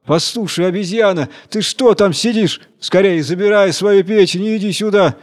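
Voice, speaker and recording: A man's voice: on the high side, a little fast, natural voice. A silly, gossipy jellyfish from a storybook tale, chattering and teasing, as a male narrator puts her on. Her voice rises a little above his usual tone. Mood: alarmed. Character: foolish chatty female jellyfish, boastful.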